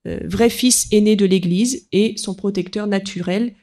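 Woman lecturer, unscripted talk, halting delivery with frequent filler words between points. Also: medium pitch, fairly even intonation, mellow. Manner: hesitant, peppered with "voilà" and "hein", reads quotes aloud.

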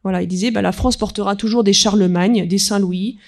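A woman giving an unscripted history lecture, pausing often and filling gaps with small verbal tics while she reads quotes aloud. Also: mid-range voice, steady tone, darkish tone. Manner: hesitant, peppered with "voilà" and "hein", reads quotes aloud.

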